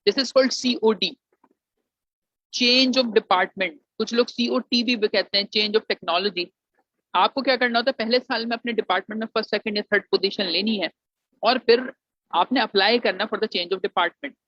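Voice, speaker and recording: A man's voice: high-pitched, normal speed, pushed and bright, dry recording. Man, admission advice lecture, English phrases mixed in, lo-fi dull audio. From Pakistan. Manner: mixes English phrases into Urdu, addresses students as "beta". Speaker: engineering alumnus giving admission advice. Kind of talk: informal explanatory lecture. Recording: dry, muffled lo-fi sound.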